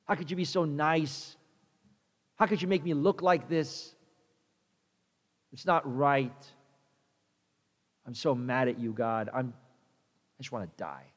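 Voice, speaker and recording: A man's voice: medium pitch, slow pace, pauses often, long reverb tail, lightly acted. A man voicing an angry adult male prophet who complains bitterly and pities himself. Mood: angry sulking. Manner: bitter, self-pitying complaint.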